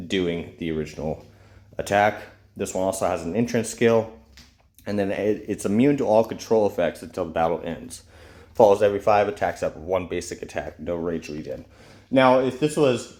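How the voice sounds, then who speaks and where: A man's voice: fairly low pitch, darkish tone. A man with a stuffy nose from a cold, casually reading out and judging game character skills with many fillers. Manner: reads skill text aloud with fillers. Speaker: game reviewer. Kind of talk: casual gameplay commentary.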